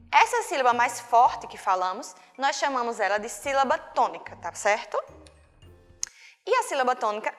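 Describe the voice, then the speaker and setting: A woman teaching a video lesson to young children, with a Brazilian Portuguese accent, patient and slow, often checking in with the class. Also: sits high, pushed and bright. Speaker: primary school teacher. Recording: long hall reverb, faint music.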